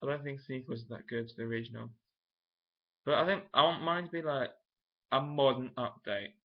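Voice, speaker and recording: Speaking fairly quickly in a medium-pitched voice, a young man talks casually to camera for his vlog, rambling and often restarting as he thinks aloud. The home recording sounds dull and lo-fi.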